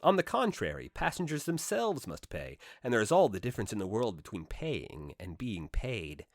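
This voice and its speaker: An audiobook narrator with a fairly low voice reads an old literary novel written in the first person. He gives the text theatrical emphasis, a sing-song lilt, and deliberate dramatic pauses. The recording is close and dry, with no room sound.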